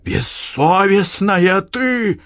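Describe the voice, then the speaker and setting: A man voicing an older peasant mother who scolds her daughter in a high, strained voice. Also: big pitch swings, slow, no echo, studio quality, exaggerated voice. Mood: scolding. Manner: scolding, shouting reproaches. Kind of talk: audiobook reading.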